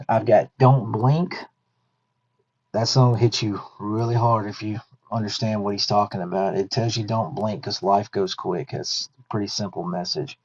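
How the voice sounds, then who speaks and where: Through dull lo-fi audio comes a fairly low, darkish male voice: a podcast host in his thirties. He talks casually and easily, working through his thoughts out loud and fixing his own words as he goes.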